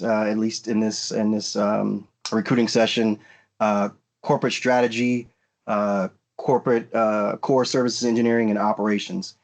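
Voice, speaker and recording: A man from the US, low-pitched and a little mellow, shares career advice as a panelist in a virtual recruiting event talk. He comes across as earnest, though he restarts often and leans on fillers.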